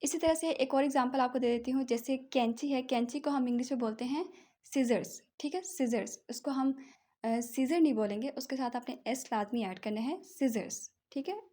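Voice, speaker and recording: A woman, teaching English vocabulary over slides. She says each example sentence slowly twice and keeps checking in with her listeners. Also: high voice, dark tone. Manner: repeats example sentences slowly, asks "ठीक है?" often. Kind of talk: language lesson with slides.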